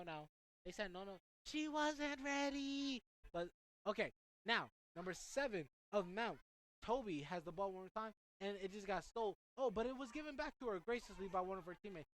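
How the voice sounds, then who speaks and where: At a soccer game, a teenage high school student rambles through breathless, excited play-by-play, often sidetracking into asides for his audience.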